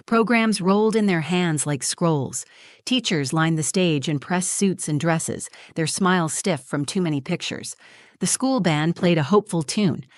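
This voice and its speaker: A woman in her forties giving a measured, reflective first-person narration of a scripted story. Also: lowish voice, no room sound, clean studio sound.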